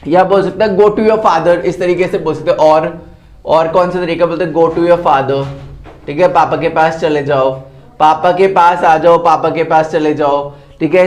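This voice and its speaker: A man teaching English at home in a casual lesson, speaking Indian English with lots of fillers and repeating example sentences word by word. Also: fairly high pitch. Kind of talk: casual spoken lesson mixing Hindi and English. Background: household noise.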